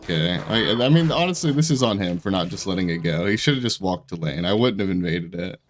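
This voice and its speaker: With a deep, animated voice and a brisk pace, a young gaming YouTuber chats over a little background hiss or hum. His nose is stuffed up and his throat sore, and his casual play-by-play rambles, restarts itself, and is punctuated by lots of laughter.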